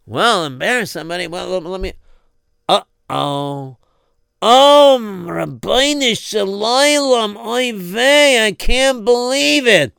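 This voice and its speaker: A man's voice: a little high, moderate pace, creaky, sharp tone, clean tone, dry recording, studio quality. A man playing an anxious father who rambles and stammers through his story. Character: anxious, flustered father pleading for help.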